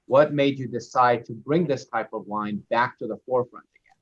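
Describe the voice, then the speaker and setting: A man from Iran hosting an online alumni chat, his voice at a middling pitch. He reads out audience questions and thanks his guests graciously, and the video-call audio sounds dull and lo-fi. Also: moderate pace, slightly rough. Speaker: event host and moderator.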